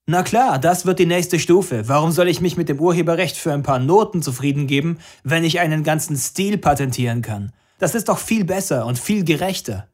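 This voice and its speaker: A man's voice: a little high, a little fast, hardly any pauses, pitched above the performer's own voice, lightly acted. A man doing a smug, greedy music boss. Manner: pushy, smug, talks over objections. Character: scheming greedy male music businessman on the phone. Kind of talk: audiobook character voice.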